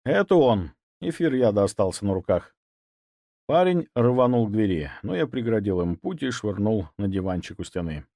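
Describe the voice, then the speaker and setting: A man narrating an audiobook in an expressive storytelling manner. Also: on the low side, normal speed, dry recording, clean studio sound.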